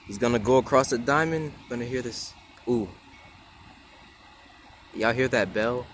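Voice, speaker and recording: A man vlogging trackside outdoors, excitedly narrating passing trains, stumbling over his words and whooping at horns. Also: mid-range voice, fairly quick. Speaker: railfan vlogger. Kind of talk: excited on-the-spot vlog narration. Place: outdoors beside railroad tracks. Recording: faint outdoor noise.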